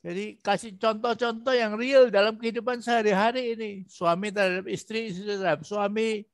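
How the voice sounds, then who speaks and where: A man training a student in preaching, asking patient prodding questions and acting out gentle examples. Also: high-pitched, fairly even intonation, a little fast, clear, resonant tone, dry recording, studio quality. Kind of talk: coaching a student in preaching practice.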